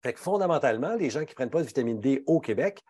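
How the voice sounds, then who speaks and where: Racing through his health talk, this pharmacist from Quebec has a husky, slightly mellow voice with a Québécois accent. It's an expressive, studio-quality take with no room sound. Indignation and emphasis come through in big pitch swings.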